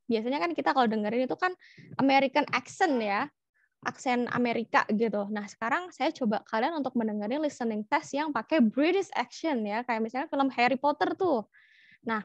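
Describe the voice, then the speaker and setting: A young woman teacher talks her students through an online lesson in a casual, chatty way, slipping English phrases in among her fillers. Her voice sits fairly high. The audio is dry and lo-fi, like a computer mic on a video call. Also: dry recording. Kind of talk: online class lecture.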